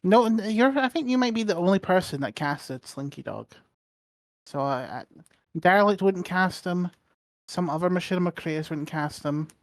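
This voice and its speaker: A man's voice: high-pitched, lively intonation, moderate pace, no echo. Young guy cohosting a podcast, jokey, laughs a lot, dry close mic. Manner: jokey, laughs often, mock-indignant. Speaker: podcast co-host. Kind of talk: casual podcast chat.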